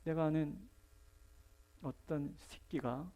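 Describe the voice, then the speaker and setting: A middle-aged woman pastor preaching a sermon in a colloquial, storytelling way, swinging from loud emphatic lines to near-whispered asides. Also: low-pitched, drawn-out words, vocal fry.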